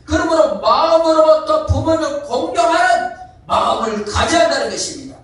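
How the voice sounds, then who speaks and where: A man's voice: very high voice, expressive, normal speed. A male pastor preaching a sermon, emphatic and often asking the congregation questions. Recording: echoey hall from far off.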